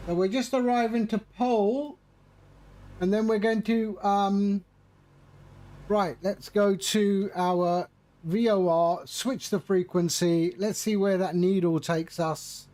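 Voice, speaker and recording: A man's voice: sits high, steady tone, slow pace, warm tone. A man giving casual, chatty live commentary as a flight sim streamer. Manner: chatty, greets viewers while narrating flying.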